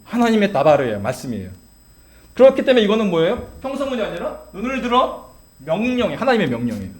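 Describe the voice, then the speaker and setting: A male pastor preaching a sermon, asking the congregation questions and answering them himself. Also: high voice.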